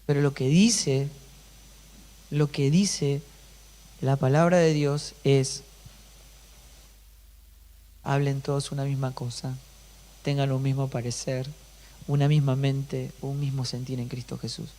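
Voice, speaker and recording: A pastor delivering an emphatic sermon, often putting rhetorical questions to the congregation. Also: male voice, medium pitch, flat delivery, slow, pauses often, dark tone.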